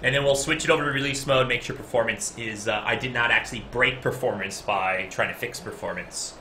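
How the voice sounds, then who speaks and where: A man's voice: mid-range voice, a little fast, slight background noise. A man streaming his game programming, reasoning aloud as he works and chatting with viewers in between. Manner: chatty, talks to viewers in chat between code explanations; guessing and reasoning out loud with frequent "uh". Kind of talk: live coding stream, thinking aloud.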